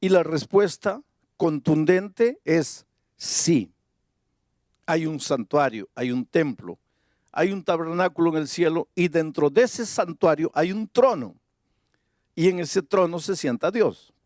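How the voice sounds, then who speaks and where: A man preaching a sermon, reading Bible verses slowly and deliberately and building to emphatic high points. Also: expressive, darkish tone, no room sound, studio quality.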